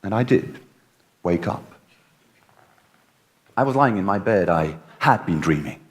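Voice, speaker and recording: A man's voice: low voice, animated, measured pace. A man giving a humorous contest speech on a conference stage, telling a comic story with big swings in his voice.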